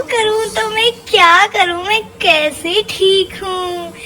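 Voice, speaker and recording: Woman doing a high, slow cutesy baby boy. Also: fairly bright tone, exaggerated voice. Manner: cutesy baby talk with doubled words. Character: playful cheeky baby boy. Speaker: parent vlogger voicing her baby. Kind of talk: baby-voice vlog narration.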